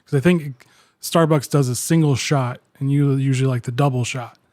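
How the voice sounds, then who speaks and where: A man's voice: medium pitch, fairly even intonation, normal speed, a little mellow, no room sound, studio quality. A man hosting a podcast, reading a scripted-sounding intro and asking plain, direct questions. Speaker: podcast host.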